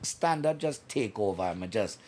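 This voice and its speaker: A man's voice: on the low side, expressive, unhurried, a little mellow, slight background noise, pitched below the performer's own voice. A man voicing a laid-back Jamaican man who tells a rambling story, leaning on a put-on Jamaican accent. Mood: easygoing. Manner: rambling, loose storytelling with "you know what I mean".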